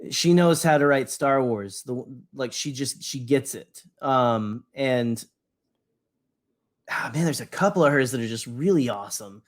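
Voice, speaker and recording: Unhurried and mid-range in pitch, this podcast co-host rambles along with casual enthusiasm. He uses plenty of slang and keeps cutting himself off mid-thought.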